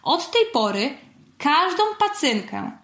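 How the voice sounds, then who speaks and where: Lady reading as sly old puppet wizard, slow and calm, bit higher, echoey room. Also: exaggerated voice. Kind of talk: storybook reading.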